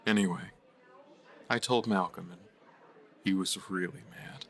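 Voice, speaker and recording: An actor playing a guilt-ridden young man in an audio drama, speaking softly and haltingly, often trailing off to near-whispers. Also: deep voice, steady tone. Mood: wistful. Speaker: [name].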